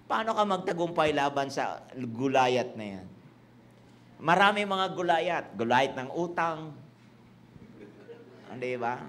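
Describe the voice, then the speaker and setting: A man's voice: on the high side, a bit bright, a little hiss or hum. A man preaching a sermon, repeating his points and teasing the congregation. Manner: preaching in Tagalog-English mix, repetitive, teasing the congregation. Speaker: pastor. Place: church hall with congregation.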